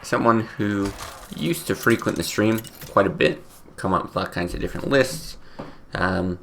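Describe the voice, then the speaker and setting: A man's voice: fairly low pitch, measured pace, a bit bright, a little hiss or hum. A sleepy man with his morning voice, casually thinking aloud while playing a card game, with many fillers. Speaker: game streamer. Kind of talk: casual gameplay commentary.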